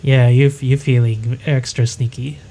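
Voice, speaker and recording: A man's voice: mid-range voice, level tone, moderate pace, dark tone. A man running a tabletop game over an online call, hesitant and full of fillers. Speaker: game master.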